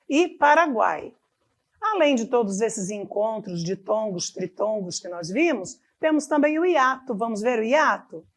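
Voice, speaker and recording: Woman teacher from Brazil, Amazonas accent, fairly high voice, slow and deliberate delivery for a recorded lesson. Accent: Amazonas Brazilian Portuguese. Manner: slow and deliberate, stretching example words, checking in with "tá bom?".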